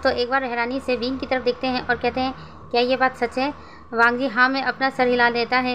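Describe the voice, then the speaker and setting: A woman narrating a fan fiction story in a steady, even retelling. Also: high voice, a little hiss or hum, rough recording.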